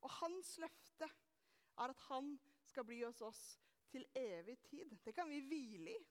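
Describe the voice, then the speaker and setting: A woman preaching in church, her voice pitched high and light. She reads scripture slowly, then talks freely and with feeling, laughing at her own slips. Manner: warm, lively, laughs at herself. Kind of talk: sermon.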